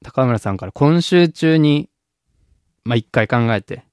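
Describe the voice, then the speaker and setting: A man's voice: medium pitch, animated, unhurried, a little mellow, clean tone, no echo, studio quality. A man with a Kansai-style dialect, a band member co-hosting a radio show, talking casually and laughing often.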